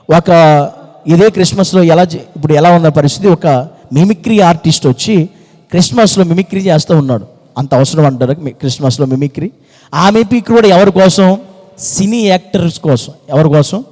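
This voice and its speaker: Man, pastor, fervent sermon, high voice, rapid delivery, long church hall reverb. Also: a little mellow. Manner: preaching with fervent rhetorical questions and repetition.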